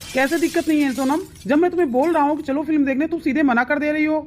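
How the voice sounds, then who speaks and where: A woman plays a complaining young husband in a cartoon. The voice is fairly high for him, irritated, with light hiss behind. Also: steady tone, quick pace, lightly acted. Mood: grumbling. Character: young husband, easily swayed. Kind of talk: cartoon voice acting.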